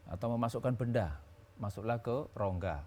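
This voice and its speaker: A man's voice: mid-range voice, moderate pace, mellow, slight background noise. A man teaching as a religious scholar on a talk show, patiently explaining rules with everyday examples.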